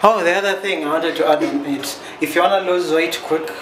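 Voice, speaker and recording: Laid-back young man, echoey room. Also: a little high. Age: young adult. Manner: laid-back, quick joking answers. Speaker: vlogger answering couple questions. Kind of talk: casual couple chat. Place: small living room, indoors. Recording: very echoey room with background hiss.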